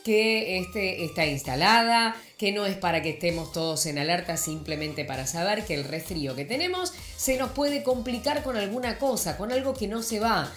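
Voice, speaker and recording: On a morning radio program, the Argentine-accented host greets listeners warmly and chats in a rambling way, stumbling through fillers and restarts. She has a mid-range voice at a moderate pace with few pauses, and the studio sounds reverberant, with faint background music.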